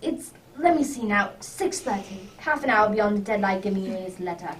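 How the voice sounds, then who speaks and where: A woman playing Sherlock Holmes as a hearty, emphatic gentleman detective in a radio drama. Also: mid-range voice, expressive, normal speed, recorded from a distance, close to an everyday voice. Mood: keen, urgent. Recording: off-mic with faint background noise.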